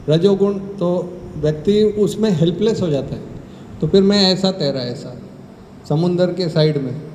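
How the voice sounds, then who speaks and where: Male speaker, scripture discourse, animated storytelling, temple hall reverb, faint background hum. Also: fairly high pitch. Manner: animated storyteller who acts out dialogue. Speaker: spiritual speaker giving a scripture talk. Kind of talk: Hindi scripture discourse with personal stories. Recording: echoey hall with faint ambience.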